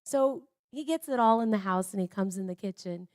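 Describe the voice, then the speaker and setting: A woman's voice: medium pitch, brisk, dry recording, clean studio sound. Woman giving an earnest church testimony. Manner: earnest, conversational, swings between hushed and excited. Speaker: speaker at a women's church gathering. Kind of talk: personal testimony storytelling. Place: church service.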